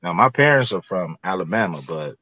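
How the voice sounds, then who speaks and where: An American YouTube content creator from Los Angeles, California, in his 30s or early 40s (likely late thirties), speaks as an interview guest. His low voice is lively, a little fast, pushed and bright, and he rambles colloquially, often repeating himself. The lo-fi recording has no echo.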